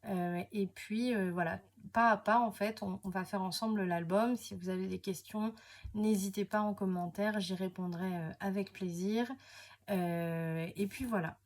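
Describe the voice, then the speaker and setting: A scrapbooking crafter presenting her channel chats casually to camera as she unboxes craft papers. Her medium-pitched speech is hesitant, full of fillers and self-corrections, and sometimes drops to a soft near-whisper.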